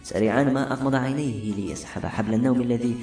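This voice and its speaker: A man narrating a novel as an audiobook reader, in a smooth, measured storytelling manner. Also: medium pitch, darkish tone. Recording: echoey room, faint music. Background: faint music.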